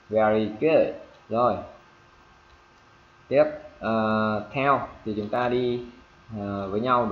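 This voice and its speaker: A man teaching English pronunciation to a class, repeating examples and checking often whether students follow. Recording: echoey room, dull low-fi sound, faint hiss.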